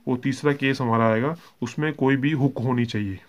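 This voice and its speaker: A man's voice: mid-range voice, normal speed. Male shorthand tutor, Hindi accent, plain mid voice, patient step-by-step explainer with frequent check-ins. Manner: steady explaining, frequent "ठीक है" check-ins and self-corrections; mixes English terms into Hindi. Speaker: shorthand teacher. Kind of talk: classroom lesson explaining strokes.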